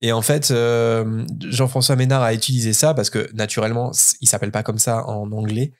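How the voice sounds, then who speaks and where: A man's voice: mid-range voice, little pitch movement, a little fast. A French man hosting a casual podcast, enthusiastic and hesitant with frequent fillers. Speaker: podcast host. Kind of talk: casual chat about book translation.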